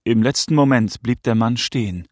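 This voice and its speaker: A man reading a crime novel aloud in a measured, tense storytelling manner. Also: medium pitch, no echo, studio quality. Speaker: audiobook narrator. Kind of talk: audiobook narration of a crime novel.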